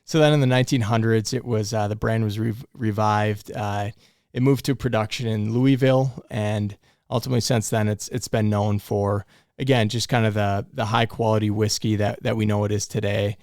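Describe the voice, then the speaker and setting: A man's voice: lowish voice, steady tone, moderate pace, a little mellow, dry recording, clean studio sound. A man co-hosting, chatting casually and often asking "right?". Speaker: co-host. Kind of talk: casual chat.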